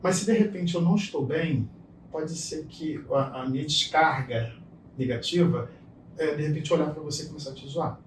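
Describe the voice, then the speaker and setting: Man, middle-aged, storytelling guest, acts out dialogue, slightly high voice, roomy echo. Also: normal speed. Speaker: guest speaker. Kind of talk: storytelling conversation. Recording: echoey room, distant mic, faint noise.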